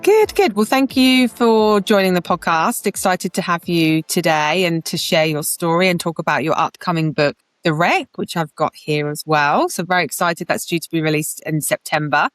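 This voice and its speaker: Woman, podcast host, low voice, upbeat, encouraging, dry sound. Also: lively intonation, normal speed, hardly any pauses, dry recording, soft background music. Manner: upbeat, encouraging, hedges with "kind of". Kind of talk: podcast interview.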